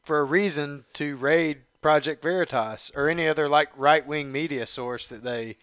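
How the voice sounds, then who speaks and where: A man co-hosting a casual podcast, talking in loose, rambling sentences padded with fillers. His voice sits a little high, and the recording is very dry with no room sound. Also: normal speed, fairly bright tone, smooth, no echo. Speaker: podcast co-host. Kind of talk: casual political discussion.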